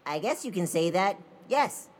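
A woman voicing a young, puzzled talking bird in a children's story, casual and expressive. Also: on the low side, moderate pace. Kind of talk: children's audio story character voice. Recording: clear background noise.

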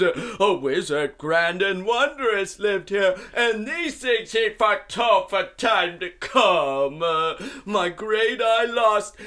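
A man's voice: sits high, pushed and bright, heavily acted. A man playing a huge one-eyed giant who has been blinded, bellowing threats and wailing curses in an amateur staged reading.

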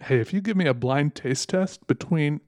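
A man's voice: a little high, normal speed, a little mellow, dry recording, clean studio sound. A man chatting casually into a microphone as a solo podcast host, rambling, correcting himself and musing with wry humor. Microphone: close microphone.

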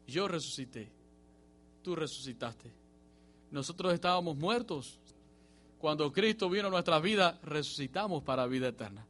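A man preaching a sermon in a church, swinging from emphatic rising bursts to quiet, low passages. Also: a little hiss or hum. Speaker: pastor.

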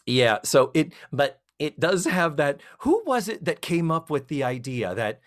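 An unhurried, mid-range voice belongs to a middle-aged podcast co-host chatting casually. In an animated, rambling way, this storyteller retells a TV episode and acts out the characters' lines.

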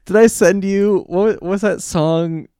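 A man's voice: sits high, fairly even intonation, slow, dark tone, clean tone, no echo. Easygoing man on a dry mic. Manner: giggly and easygoing, laughs often. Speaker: podcast co-host. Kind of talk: casual podcast chat.

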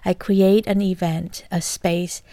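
Warm gravelly woman coaching earnestly. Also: fairly low pitch, level tone, slow pace, no echo. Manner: drops to a whisper for inner thoughts. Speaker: guest coach.

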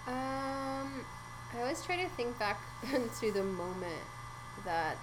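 A young woman from Hungary, a music event organizer, telling her story in a relaxed, casual way full of likes and ums. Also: on the high side, slow. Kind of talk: casual interview answers. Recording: noisy ambience behind.

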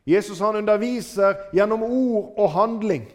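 Retelling stories from the pulpit, this preacher delivers his sermon with drama, his pitch and volume swinging widely up and down.

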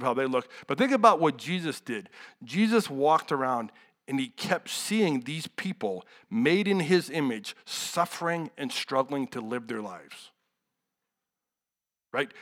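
A man's voice: a little high, fairly bright tone. A young adult man preaching a sermon in a candid, conversational way, full of asides and rhetorical questions.

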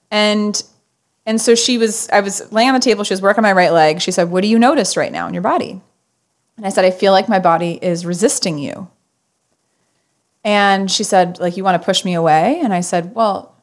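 Earnest woman telling a personal story. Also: mid-range voice. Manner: earnest, animated storytelling with fillers. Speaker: podcast guest. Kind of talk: conversational storytelling.

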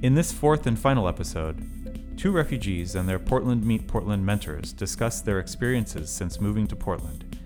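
A man's voice: lowish voice, animated, moderate pace, music in the background. A man hosting a podcast interview, reading an introduction and then asking hesitant questions full of fillers. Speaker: podcast host.

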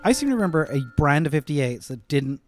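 A man, a comedian guest on a podcast, telling rambling, self-mocking stories in an animated way. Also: fairly high pitch, brisk, soft background music. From United States. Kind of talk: casual chat.

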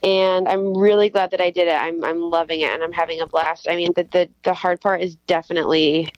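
A young woman comes through on a telephone line, the sound muffled and dry with no room around it. Her voice sits fairly low for a woman. She answers interview questions in a chatty, quick way, scattering fillers as she goes. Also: flat delivery, no room sound. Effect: heard over the phone. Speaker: guest musician.

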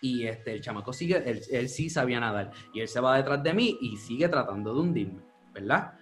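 A man's voice: mid-range voice, a little fast, soft background music. A man telling a childhood story in casual chat, slipping English words in. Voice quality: animated, mixes English words.

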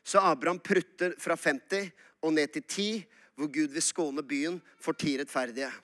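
Bright, high-voiced Eastern Norwegian pastor. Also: male voice. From Norway, Oslo area. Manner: humorous, storytelling, animated. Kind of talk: sermon.

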